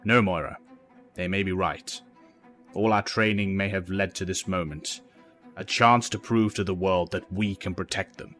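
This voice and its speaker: An actor playing a calm, grave older professor mentoring young people, measured and authoritative, in an audio drama. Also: male voice, low-pitched, faint music behind. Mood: resolute.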